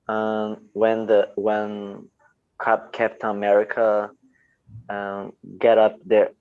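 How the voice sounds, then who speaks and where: A male student with a Brazilian Portuguese accent, speaking halting English and searching for words with many fillers. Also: fairly low pitch, monotone, clear, resonant tone, no room sound. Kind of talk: hesitant English practice. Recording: dull lo-fi audio.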